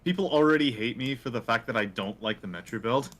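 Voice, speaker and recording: A young man chatting on a livestream, matter-of-fact and quick to correct the others. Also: medium pitch, fairly bright tone. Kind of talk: casual chat on a livestream.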